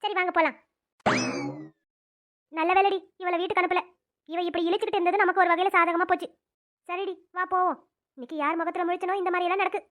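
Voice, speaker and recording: A woman's voice: very high-pitched, steady tone, fast talker, long pauses, a bit bright. A woman voicing a nurse, camp teachers and schoolgirls in a cartoon drama, with a flustered, fussing manner.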